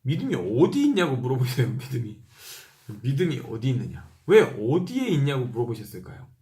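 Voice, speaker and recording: Lively man reading and explaining Scripture. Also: medium pitch. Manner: animated, asks many questions while thinking aloud; acts out quoted lines in a livelier voice. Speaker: Bible reader and commentator. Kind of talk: Bible reading with casual commentary.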